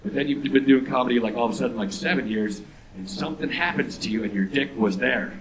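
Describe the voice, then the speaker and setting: A young man doing a stand-up comedy set, telling a story in a deadpan way that jumps to excited outbursts. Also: mid-range voice, quick pace, low-quality recording. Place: comedy club stage with live audience. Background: audience laughter.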